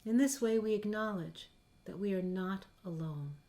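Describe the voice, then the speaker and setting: A woman leading a gentle guided meditation in a worship service, speaking softly and slowly. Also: mid-range voice. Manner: slow, gentle and soft-spoken. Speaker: worship leader.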